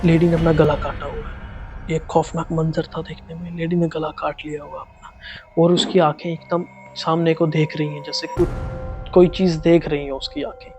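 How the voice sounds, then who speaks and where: A man's voice: fairly high pitch, little pitch movement, normal speed, darkish tone, highs cut off, soft background music. A young man vlogging, retelling a creepy story in a casual, dramatic way with lots of repetition.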